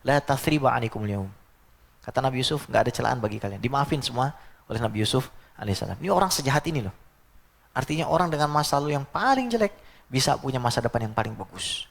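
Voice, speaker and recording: A man's voice: mid-range voice, expressive, fast, creaky. A man preaching at a mosque lecture in a chatty way, often reciting Arabic verses and acting out other voices. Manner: conversational, quotes Arabic verses and acts out voices.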